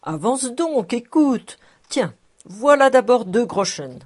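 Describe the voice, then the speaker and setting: A woman's voice: a little high, big pitch swings, slow pace, voice pushed up, exaggerated voice. A woman voicing a jovial, generous middle-aged bachelor who talks in a hearty, commanding way. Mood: bossy, cheerful.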